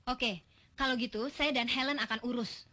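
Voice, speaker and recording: An actress playing a bossy young woman in a 1990s comedy film, brisk and commanding. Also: a little high, steady tone, bright, forceful tone, slight background noise.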